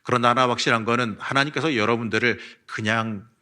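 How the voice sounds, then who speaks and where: A man's voice: medium pitch, steady tone, quick pace, pushed and bright. A man preaching a Sunday sermon as pastor of a church, earnest, swelling and dropping his volume for emphasis. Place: church sanctuary.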